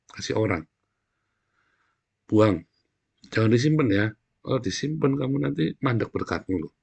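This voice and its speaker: A man preaching a fiery, blunt sermon. He talks coarsely, keeps addressing his listeners as brothers and sisters, and swings between loud outbursts and low asides. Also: creaky. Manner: blunt and coarse, often addressing the congregation as "saudara"; bursts into loud shouting, then drops low. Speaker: pastor.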